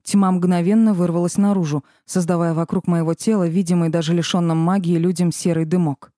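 A woman's voice: on the low side, flat delivery, a little fast, dark tone, no room sound, clean studio sound. A woman narrating a first-person fantasy audiobook in a wry, sardonic manner.

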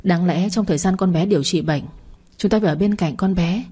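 A woman voicing a gentle older neighbour who is a doctor, in a narrated audio story. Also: on the low side, brisk, husky. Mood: soothing. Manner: soothing, sympathetic.

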